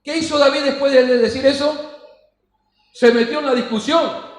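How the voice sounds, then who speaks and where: A man's voice: extremely high pitch, fairly even intonation, normal speed, echoey room, low-quality recording. A man with an Argentine Spanish accent preaching a sermon in a church, emphatic and acting out the voices he quotes. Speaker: pastor.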